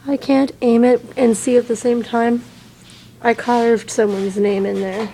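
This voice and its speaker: Creaky-voiced woman, hazy rambling recounting. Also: fairly high pitch, little pitch movement, measured pace, mellow, a little hiss or hum, low-quality recording. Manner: slangy and sweary, heavy use of "like". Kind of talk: casual rambling personal talk to camera.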